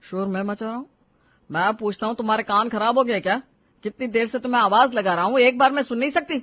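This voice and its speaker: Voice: medium pitch, normal speed, fairly bright tone, natural voice. A voice actor doing a sulky young husband. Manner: sulky, sarcastic. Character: sulky young man, quick-tempered new husband. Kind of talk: Hindi cartoon voice acting.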